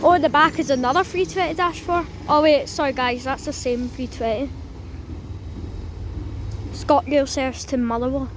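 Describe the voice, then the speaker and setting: A high-pitched female voice gives casual trainspotting commentary. She talks informally to viewers from an open-air platform, with clear noise around her. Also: steady tone, moderate pace, long pauses. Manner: informal, addresses viewers as guys. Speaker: trainspotting vlogger. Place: outdoors on a railway station platform. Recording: noisy outdoor recording.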